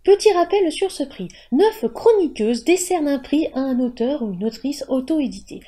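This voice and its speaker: A woman's voice: sits high, lively intonation, normal speed, dark tone. A woman hosting a monthly book news show, reading in a scripted news style with playful whispered asides.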